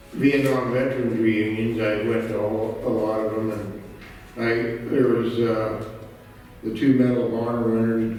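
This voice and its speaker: An older man, a veteran, recalling his service in a halting interview, searching for words. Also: lowish voice, darkish tone. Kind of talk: interview recollection. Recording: echoey hall, distant mic.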